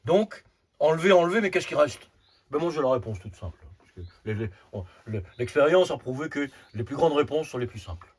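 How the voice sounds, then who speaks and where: Husky raspy older guy, spiritual teacher rambling casually, voice swings up and down a lot, keeps repeating himself. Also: on the high side, expressive, a little fast. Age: over 50. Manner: repeats words, frequent "hein" tags, emphatic bursts. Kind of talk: informal spiritual teaching talk.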